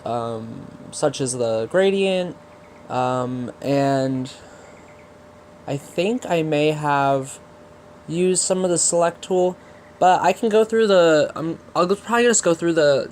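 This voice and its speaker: Sick, stuffy-nosed male art vlogger; slow, halting casual commentary, slightly high voice. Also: a little hiss or hum. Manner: halting, many ums and restarts. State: congested, nasal from a cold. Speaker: digital art video host. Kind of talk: casual draw-along commentary.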